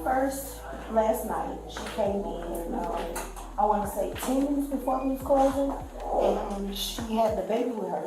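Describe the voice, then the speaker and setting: A woman's voice: medium pitch, unhurried, very noisy. A woman telling police a long, rambling account, acting out what others said. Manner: rambling storytelling, acting out quoted speech. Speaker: witness. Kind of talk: recounting events to police. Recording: very echoey room with faint music.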